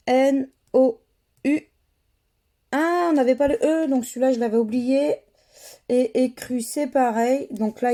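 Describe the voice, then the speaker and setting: A woman narrates her ticket scratching in a slow, unhurried, methodical way. Her voice sits a little high but sounds warm and relaxed, never sharp. She spells out letters and words one at a time. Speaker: YouTuber scratching lottery tickets. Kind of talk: casual running commentary.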